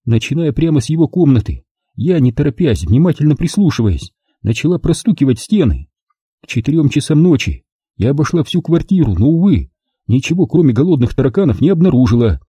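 A man reading a first-person story aloud, expressive and lively. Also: fairly high pitch, brisk, breathy edge, no echo, studio quality. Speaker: audiobook reader. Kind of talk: first-person audiobook narration.

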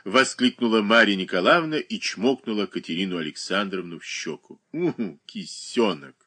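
Expressive male audiobook reader. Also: lowish voice, a little fast. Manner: expressive, varied reading of dialogue. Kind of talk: expressive novel narration.

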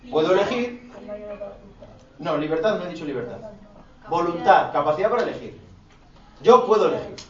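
Male philosophy teacher, Spain Spanish accent, higher voice. Rhetorical, colloquial, needles his students. Classroom echo, picked up from a distance. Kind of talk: classroom lecture. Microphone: distant room mic. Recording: echoey, dull classroom audio from far off.

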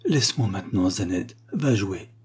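A man reading aloud, voicing a weary, remorseful dying father who dictates in a halting, pleading way. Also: low-pitched, animated, darkish tone, husky.

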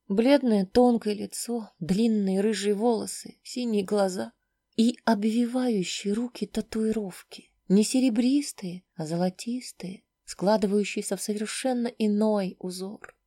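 A woman reading a fantasy novel aloud in the first person, soft and intimate, at times dropping almost to a whisper. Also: on the high side, unhurried, dry recording, studio quality. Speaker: audiobook narrator. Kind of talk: first-person audiobook narration.

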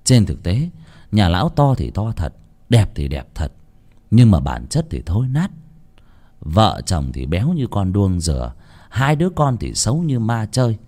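A man narrating a ghost story in a dramatic, expressive way. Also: lowish voice, measured pace.

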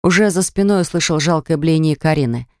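A narrator reading a story aloud in an ironic, lively storytelling manner. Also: medium pitch, a little fast, smooth, dry recording, clean studio sound. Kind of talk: audiobook narration.

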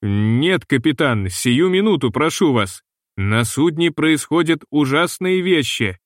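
A man reading the part of a fussy, gloomy ship's purser who speaks slowly and mournfully, in a dry recording. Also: on the high side, animated, dry recording. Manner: slow, mournful and long-winded.

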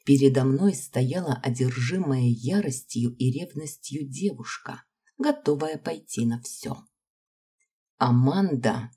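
A woman narrating a novel in the first person, measured and dramatic. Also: extremely low pitch, expressive, mellow, husky. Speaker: audiobook narrator.

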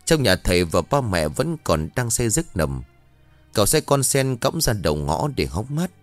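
Male ghost-story narrator, low and expressive, dramatic delivery over faint music. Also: normal speed, no room sound.

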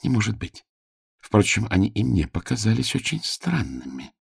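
A man's voice: fairly low pitch, big pitch swings, normal speed, vocal fry, husky, no room sound, studio quality, voice pushed up, heavily acted. Man doing a haughty noble lady. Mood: genteel.

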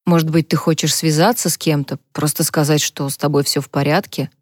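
A gentle older mother, read by a female narrator, speaks in a soothing, caring tone. Her voice sits low for a woman, and it is recorded dry and close. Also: fairly even intonation, brisk, no room sound.

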